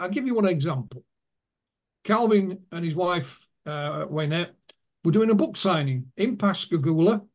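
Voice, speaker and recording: A man being interviewed as an author, telling anecdotes and retelling what witnesses told him. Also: high voice. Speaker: author and guest. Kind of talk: interview storytelling.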